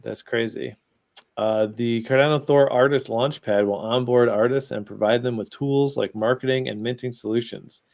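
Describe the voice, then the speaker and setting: A man hosting a live crypto news stream, reading out news items in a relaxed, chatty way and bantering with his guests. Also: medium pitch, moderate pace, gravelly. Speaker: host.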